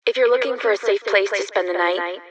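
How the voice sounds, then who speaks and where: An actress playing a reassuring propaganda broadcaster for a survivor community in a video game, speaking earnestly over the radio. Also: female voice, medium pitch, fairly quick, far from the mic, lo-fi sound. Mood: earnest reassurance.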